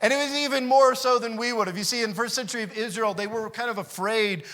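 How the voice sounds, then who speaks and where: A man's voice: high-pitched, steady tone, quick pace, bright, forceful tone. A man preaching a sermon as pastor, repeating key phrases and building intensity, sometimes laughing as he explains. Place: church sanctuary.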